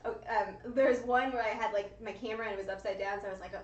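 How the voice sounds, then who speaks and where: A woman's voice: medium pitch, fairly even intonation, very fast. A woman talking casually and earnestly as a panelist in an enthusiastic fan discussion. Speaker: panelist on a fan live stream. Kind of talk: casual group chat. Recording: roomy, distant mic, faint noise.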